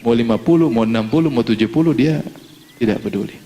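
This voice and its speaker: A middle-aged male preacher giving an Islamic sermon, telling stories and acting out dialogue in a lively, animated way. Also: mid-range voice, fast. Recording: long hall reverb.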